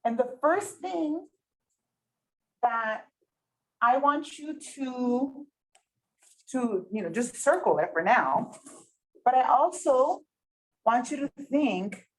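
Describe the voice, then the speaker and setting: A high-pitched, animated woman speaks slowly and pauses often on a rough recording. Spanish is her first language, and she facilitates a community workshop in a meeting room with some people online, teaching interactively in a chatty way while checking in with the group.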